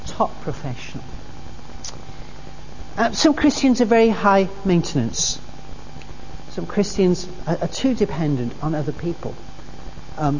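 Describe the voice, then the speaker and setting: Her voice is fairly low-pitched and mellow as she preaches a sermon with earnest conviction, circling back to key phrases to stress them. It's a dull-sounding recording from a reverberant hall, with a little background noise.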